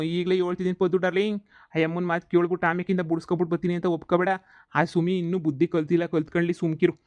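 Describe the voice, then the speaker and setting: A man playing a teasing flat-voiced village husband Bhairava. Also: high voice, dry recording, lightly acted. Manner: mocking, flat drawl, rustic dialect. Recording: slightly dull lo-fi sound.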